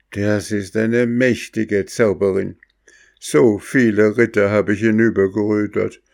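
A man voicing a kindly old grey fisherman in a fairy tale, slow and fatherly. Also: on the low side, gravelly, darkish tone, no room sound, studio quality, pitched above the performer's own voice. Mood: warning. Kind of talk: storybook reading.

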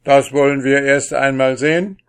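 A man reading a fairy tale aloud, voicing a stern old king who speaks brusquely and loudly. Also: medium pitch, unhurried, pitched above the performer's own voice, close to an everyday voice. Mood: gruff. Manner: raised, brusque declaiming.

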